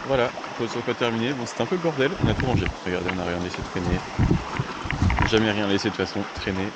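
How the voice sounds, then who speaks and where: A man's voice: fairly low pitch, fairly even intonation, fast talker. A young man hosting a casual hiking vlog, joking and chatting to the camera outdoors on a mountain trail. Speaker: hiking vlogger. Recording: outdoor camera audio, stream noise behind.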